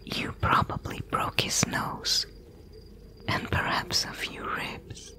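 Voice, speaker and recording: A woman voicing a wry, bossy thief mentor in a breathy, hushed whispered role-play, giving instructions. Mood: amused, recounting.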